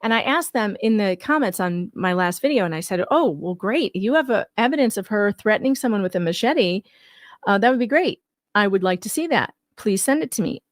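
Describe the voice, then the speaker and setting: A woman with a medium-pitched, animated voice speaks fairly quickly as she hosts a live commentary stream on a legal case. She's a livestream commentator and video host, casual yet argumentative and skeptical, reading claims aloud, rebutting them, and repeating points for emphasis. The recording is dry with clean studio sound.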